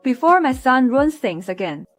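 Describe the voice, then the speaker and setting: A woman's voice: high voice, very animated, moderate pace, soft background music. A middle-aged woman playing an eager, wealthy mother-in-law in a dubbed drama who dotes and gushes. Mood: delighted. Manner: gushing, doting.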